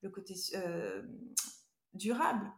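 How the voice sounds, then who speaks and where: A middle-aged woman speaks as a guest in a casual interview. Her medium-pitched voice has a gravelly creak, and she often hesitates and restarts while searching for the right word. The recording is echoey, like a live room. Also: wildly swooping pitch, slow pace. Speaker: interview guest, beauty brand co-founder.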